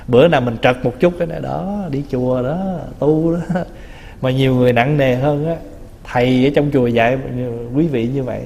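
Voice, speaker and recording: A man's voice: medium pitch, darkish tone. A man, a Buddhist monk, giving a conversational dharma talk, teasing and acting out little quoted remarks. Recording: long reverb of a hall.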